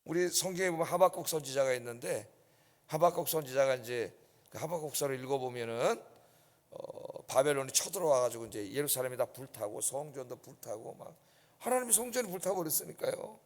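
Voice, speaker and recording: Here a man of medium pitch preaches at dawn, animated and a touch fast. The pastor stresses his points hard and often turns to ask his congregation if they're following. The sanctuary's long reverb hangs over the recording.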